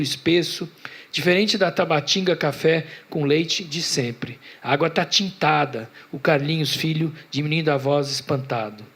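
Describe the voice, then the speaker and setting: Man with a raised voice, reading fiction. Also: fairly high pitch. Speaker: author on a festival panel. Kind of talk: reading his own fiction aloud. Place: literary festival panel before an audience.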